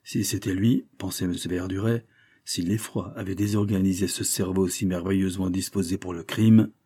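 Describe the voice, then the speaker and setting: A man reading a classic novel aloud as audiobook narrator, measured storytelling. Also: deep voice, steady tone, warm tone, husky.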